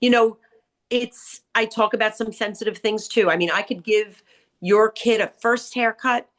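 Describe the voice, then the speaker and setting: Raspy, grating New woman. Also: on the high side, moderate pace. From New York area. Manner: blunt, animated storyteller who acts out quotes. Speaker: interview guest, salon owner and author. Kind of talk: candid conversational interview.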